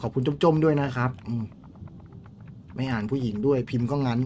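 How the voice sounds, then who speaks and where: A young man streaming a game live, chatting with viewers in a crude, swearing, excitable way. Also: medium pitch, a little fast, noisy background.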